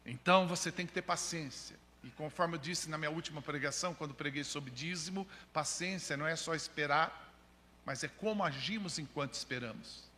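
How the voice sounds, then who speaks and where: Emphatic preacher in a reverberant church. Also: male voice, fairly high pitch, brisk, bright, forceful tone, a little hiss or hum. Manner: emphatic, repeatedly addressing listeners as brother. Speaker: missionary preacher. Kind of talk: sermon. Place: church hall. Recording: long church hall reverb.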